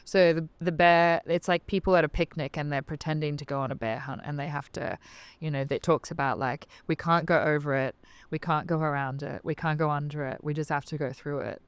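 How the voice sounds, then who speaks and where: An Australian woman talks as a guest on a casual podcast, and her voice sits low and sounds smooth and clear. She is chatty and keeps affirming with quick "yeah"s. The recording is dry and close. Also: fairly even intonation, no echo. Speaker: business coach, podcast guest.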